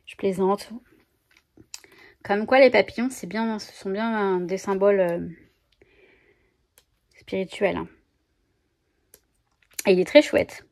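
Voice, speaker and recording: A woman scrapbooking vlogger chats casually with her viewers in a haul video, showing off new stickers while handling them and often correcting herself mid-sentence. Her medium-pitched, darkish voice stays fairly even, unhurried, with long pauses.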